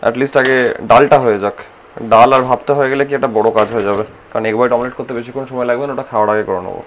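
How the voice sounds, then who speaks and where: A man with a Bengali accent vlogging at home, talking slowly and softly to save energy, tired from a fast, dropping English phrases into his speech. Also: medium pitch, slight background noise. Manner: slow, soft-spoken, mixing English phrases into speech. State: tired and low on energy from fasting. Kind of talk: casual vlog narration. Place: home, indoors.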